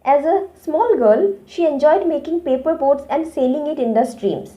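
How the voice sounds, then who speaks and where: High, lively teacher woman. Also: moderate pace, muffled recording. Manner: explains words and speaks directly to young pupils. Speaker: English teacher. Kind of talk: online class lesson explaining a story.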